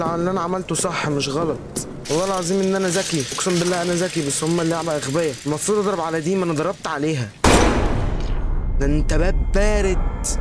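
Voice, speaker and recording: A man with an Egyptian Arabic accent talks fast and nervously while playing a game, muttering to himself. Loud game ambience runs clearly under his voice. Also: fairly high pitch, background noise. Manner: jittery, scared, talking to himself. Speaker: gaming YouTuber. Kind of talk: let's play commentary.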